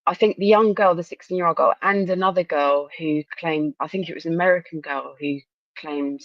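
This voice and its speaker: A woman's voice: low-pitched, brisk, dry recording. Essex lady just chatting on a live call in, bit muffled lo-fi mic, dry. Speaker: guest caller on a live discussion. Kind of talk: casual chat.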